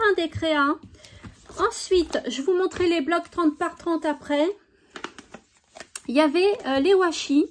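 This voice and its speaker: Chatty high-voiced woman showing crafts. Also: slight background noise. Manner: chatty and enthusiastic, many fillers. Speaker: craft YouTuber. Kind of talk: casual product show-and-tell.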